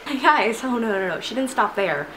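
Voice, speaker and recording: A woman's voice: a little high, normal speed. Chatty young woman telling a story. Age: young adult. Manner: chatty, animated, laughs often. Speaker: vlogger. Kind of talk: casual storytime vlog. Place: bedroom with shelves of figurines, indoors. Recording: noisy home recording.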